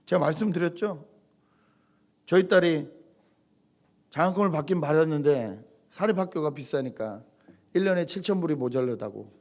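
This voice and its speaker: Animated middle-aged male pastor preaching. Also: a little high, moderate pace, pauses often. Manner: animated, acts out quoted lines, swings between loud and soft. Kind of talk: Sunday sermon.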